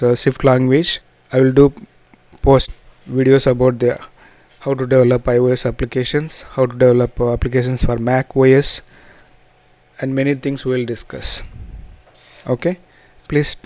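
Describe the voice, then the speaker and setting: Male tutorial instructor, Telugu accent, halting informal explanations, mid-pitched voice, dry recording. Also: a little mellow, no room sound. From south India. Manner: halting, repetitive phrasing with broken restarts. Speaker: programming instructor.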